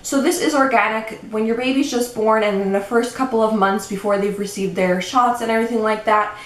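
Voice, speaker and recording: A woman's voice: on the high side, brisk. Breathless, chatty young woman vlogger. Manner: chatty, explains products step by step. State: a little out of breath. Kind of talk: casual show-and-tell vlog. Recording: echoey room with faint background noise.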